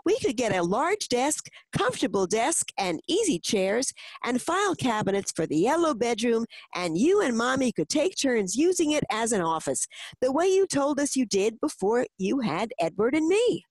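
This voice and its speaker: A woman's voice: a little high, sing-song, normal speed, darkish tone, no room sound, pitched above the performer's own voice, poor audio. A woman voicing a confident, enthusiastic girl of almost seven in a storybook reading.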